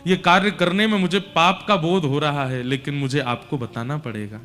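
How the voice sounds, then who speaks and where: Man, play a weighty old messenger in a storytelling sermon: drop your voice low and quiet, hesitant as he breaks hard news. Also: moderate pace, faint music behind. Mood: sorrowful confession. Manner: low, hushed and reluctant, confessing a hard truth. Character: grave elderly male royal messenger, hesitant.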